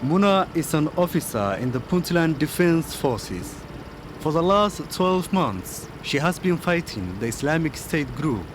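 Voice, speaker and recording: A man from Somalia, narrating a documentary report in a measured, grave voice. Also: a little high, big pitch swings, noisy background.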